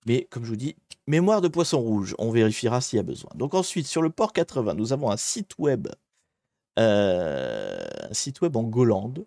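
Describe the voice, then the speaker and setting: A man's voice: medium pitch, huge pitch swings, normal speed, mellow, dry recording, studio quality. A man casually commenting on a live stream as he works through a hacking challenge, chatty and rambling, often correcting himself mid-sentence. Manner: chatty, rambling, self-interrupting. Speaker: livestreamer doing a hacking challenge.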